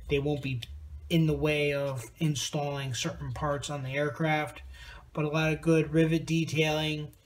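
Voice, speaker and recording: A man's voice: a little high, a little hiss or hum. A tired man giving a rambling, casual review of a plastic model kit, with lots of ums and uhs.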